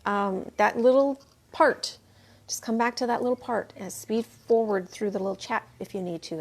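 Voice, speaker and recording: Gushing spiritual host reading live comments. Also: female voice, medium pitch, a little mellow. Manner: gushing, repeats thanks over and over; reads viewer comments aloud and answers them. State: clearing her throat now and then. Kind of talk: live chat after a meditation.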